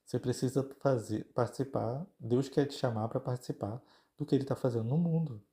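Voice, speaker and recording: A man's voice: medium pitch, fairly quick, dark tone. A man with a Brazilian Portuguese accent, hosting a podcast in a casual devotional style, talking informally and speaking straight to his listeners. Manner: informal, conversational, addresses listeners directly. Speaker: podcast host.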